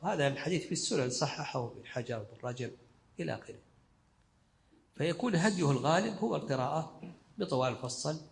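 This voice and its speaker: A man's voice: on the high side, lively intonation, fast talker, gravelly, long pauses. A male sheikh giving a scholarly lesson commentary, explaining in short, repeated phrases. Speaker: sheikh teaching a fiqh text.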